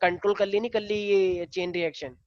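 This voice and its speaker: A man's voice: high voice, level tone, fairly quick, darkish tone, dry recording. Guy teacher chatting thru a lesson, asks the kids stuff constantly, dull dry recording. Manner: explains by asking the class questions; casual, familiar with students. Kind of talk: classroom lecture.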